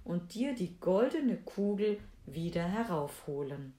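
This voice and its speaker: Coaxing male frog from a storybook, as a woman reads him, insistent, calls out high, pitch swooping, slow and deliberate, roomy echo around the voice. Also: sing-song, warm tone. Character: pleading talking frog, male, lowly. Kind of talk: fairy tale reading.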